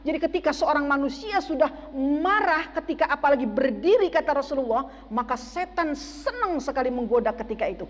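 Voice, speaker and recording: High-voiced woman preaching in a hall. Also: expressive, a little fast, hardly any pauses. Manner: asks the audience questions and waits for replies. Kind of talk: sermon to a women's study group. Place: mosque.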